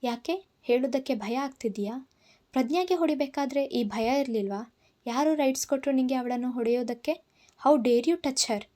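A woman voicing an angry young man who shouts and gives orders, in a storybook reading. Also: sits high, normal speed, natural voice. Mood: furious. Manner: shouting, commanding. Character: furious young man confronting his obsessive cousin.

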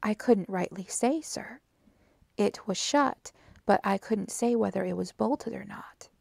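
A woman's voice: medium pitch, unhurried, gravelly, a little mellow, no echo. A woman voicing a nervous, deferential young housemaid who gives polite, hesitant answers in a storybook reading. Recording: dry close audiobook recording.

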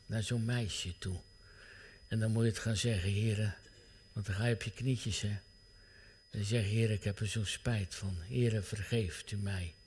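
A middle-aged male pastor preaching an earnest sermon, his voice dropping to a hushed near-whisper at tender moments. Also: mid-range voice, a little hiss or hum.

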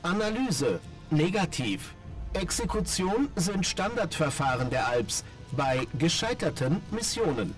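A man's voice: a little high, very animated, measured pace. A man voicing a malfunctioning male combat robot that keeps reporting system errors in clipped, toneless machine reports, in a video game. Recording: distant game audio with music.

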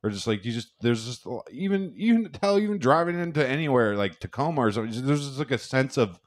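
A young man co-hosts a podcast in casual, rambling chat, talking fast with lively intonation at a medium pitch. He's loose and profane, swearing often and restarting his sentences. The studio sound is clean, with no echo.

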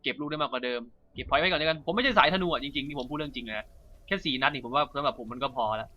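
A man giving casual, playful let's-play commentary, chatting and reacting excitably while he plays. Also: mid-range voice, rapid-fire, lo-fi sound, a little hiss or hum. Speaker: gaming channel host.

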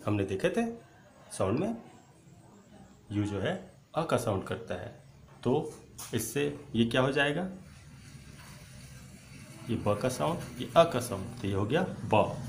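A male spoken English teacher, drilling letter sounds aloud and urging viewers to repeat them loudly. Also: medium pitch, very animated, takes it slowly, long pauses. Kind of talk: online English pronunciation lesson. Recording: echoey room with faint ambient noise.

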